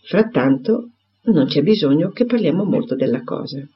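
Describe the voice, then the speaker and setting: A man reading aloud and voicing a grave, firm gentleman who delivers serious news steadily. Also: fairly high pitch, animated, normal speed, slightly rough. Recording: dull lo-fi recording.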